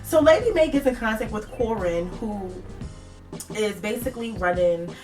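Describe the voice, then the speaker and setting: A woman's voice: medium pitch, animated, normal speed, darkish tone, recorded from a distance, faint music behind. A woman casually recapping a TV episode in a chatty, dramatic way, talking straight to her viewers. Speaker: TV recap vlogger.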